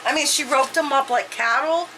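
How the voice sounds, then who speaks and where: A woman hosting a casual show, reading a viewer's story aloud and discussing it in an animated, joking way. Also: high-pitched, moderate pace, background noise. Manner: animated, exclaiming and joking between passages.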